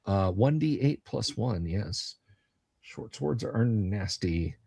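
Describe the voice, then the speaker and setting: Male game master, improvising tabletop narration, unhurried but very animated. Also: lowish voice, vocal fry, breathy edge, dry recording, clean studio sound. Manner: playful, theatrical, improvised.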